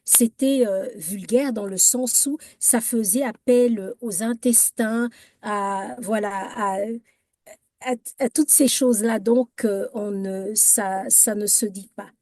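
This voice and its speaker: A woman's voice: mid-range voice, fairly even intonation, takes it slowly, dark tone, no room sound. A woman giving an informal workshop talk on etiquette, hesitant and full of fillers, setting wrong phrases against correct ones. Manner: hesitant, many fillers and restarts.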